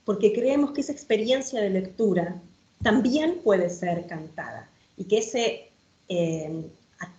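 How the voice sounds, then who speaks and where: A woman's voice: mid-range voice, measured pace, warm tone. A middle-aged woman, presenting a children's book collection in an enthusiastic, explanatory way. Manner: enthusiastic, explanatory, with frequent fillers. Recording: dull, echoey room sound.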